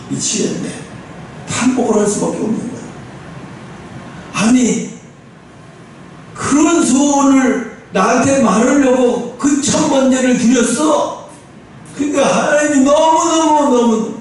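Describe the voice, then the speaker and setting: A Korean pastor with a high voice delivers an animated sermon, breaking into acted dialogue as he tells the story. He sounds distant from the mic, and the church hall echoes heavily around him with faint background noise. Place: church sanctuary.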